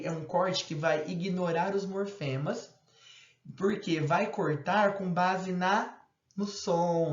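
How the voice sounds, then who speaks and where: A man giving a recorded lecture, explaining step by step and acting out casual example phrases. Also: on the high side. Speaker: university lecturer. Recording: roomy, dull lo-fi sound.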